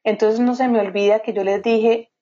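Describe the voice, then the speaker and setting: A woman's voice: fairly high pitch, steady tone, normal speed, warm tone. A woman guest in an interview, telling a personal story in an earnest, heartfelt way. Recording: slightly dull lo-fi sound.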